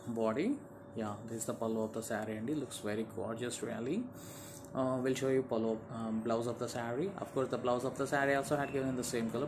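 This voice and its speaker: A man's voice: mid-range voice, noisy background. A man with an Indian accent showing products as a seller, with effusive, repetitive sales patter in an informal style. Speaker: saree seller presenting products.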